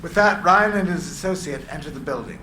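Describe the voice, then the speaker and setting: A man with a fairly high voice reads a screenplay's stage directions as scripted narration at a brisk pace. The room is echoey, and background noise is clearly audible.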